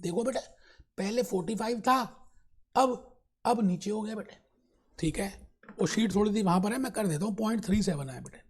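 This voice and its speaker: A man lecturing on finance in a fairly high voice. He coaxes his students affectionately and keeps them on task. He drops in English terms and slows down for definitions. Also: husky. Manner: coaxing, calls students "son", mixes in English terms. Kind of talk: classroom lecture.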